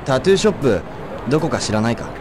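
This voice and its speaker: A man's voice: mid-range voice, big pitch swings, very fast, close to an everyday voice. Terse, serious young man voiced by an actor. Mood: serious, earnest. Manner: terse, earnest, reserved. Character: serious, stoic, polite young man on a search. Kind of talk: video game voice acting. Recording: music behind the voice.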